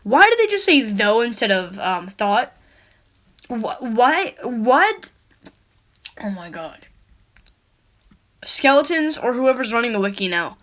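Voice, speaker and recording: A young woman who reviews stories online, reading one aloud and breaking off with quick, incredulous questions. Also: fairly high pitch, sing-song, a bit bright. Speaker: online story critic. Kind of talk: casual reading and critique.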